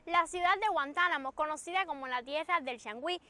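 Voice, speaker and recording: A woman with a Cuban Spanish accent co-hosting an educational program in a bright, announcing delivery. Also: high voice, a little fast, loud music behind the voice. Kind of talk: scripted presenting.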